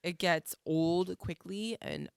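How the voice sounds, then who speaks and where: A woman in her thirties talks easily as a podcast co-host, her voice hoarse and raspy from a recent illness. The sound has a gravelly, fried edge. The recording is dry and close. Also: lowish voice, steady tone, a little slow, no room sound. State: hoarse after being sick. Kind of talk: casual chat.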